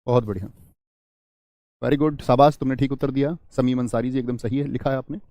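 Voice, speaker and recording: Animated Hindi teacher, lively acted examples. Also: male voice, mid-range voice, a little fast, no room sound. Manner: animated, acts out example exclamations, praises students by name. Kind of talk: live online grammar class.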